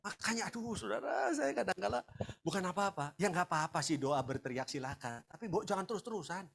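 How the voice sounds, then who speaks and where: Animated high-voiced pastor. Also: male voice, fairly quick, creaky, slight background noise. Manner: animated storytelling, acts out quoted voices, shouts and laughs. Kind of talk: lively conversational sermon.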